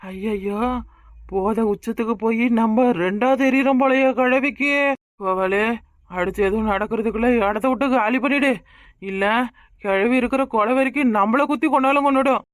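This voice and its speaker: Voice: medium pitch, normal speed, dry recording, clean studio sound, close to an everyday voice. A voice actor playing a cowardly, blustering drunk man in a cartoon, panicky and defensive. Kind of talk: cartoon voice acting.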